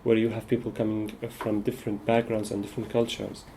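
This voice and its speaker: A man leads a relaxed group discussion. His voice has a dark, mellow tone. He speaks haltingly and fills the gaps with frequent ums, with a faint hiss of noise behind him. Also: lowish voice, poor audio. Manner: hesitant, many filler pauses. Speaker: support group facilitator.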